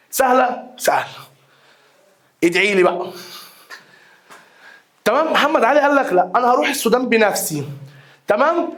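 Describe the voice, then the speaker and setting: A young man with an Egyptian Arabic accent teaching an exam review lesson, repeating key words and quizzing his students. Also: very high voice.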